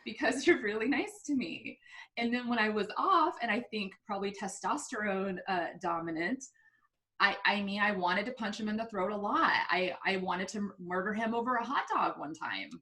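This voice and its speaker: Bright, animated woman telling stories. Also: mid-range voice, moderate pace. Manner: animated storyteller, laughing at herself. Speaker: podcast co-host. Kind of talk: casual podcast chat.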